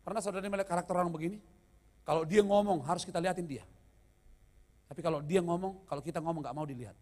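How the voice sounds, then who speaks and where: A man's voice: a little high, fast talker. Middle-aged guy pastor, funny stories, amin-and-response preaching, church hall reverb. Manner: animated preaching with humorous stories and call-and-response. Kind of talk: sermon.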